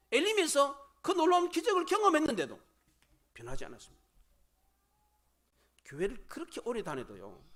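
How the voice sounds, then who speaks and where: A middle-aged man preaching a Sunday sermon as pastor in a church, animated, rising and dropping for emphasis and acting out grumbling crowd voices. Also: extremely high pitch. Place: church sanctuary.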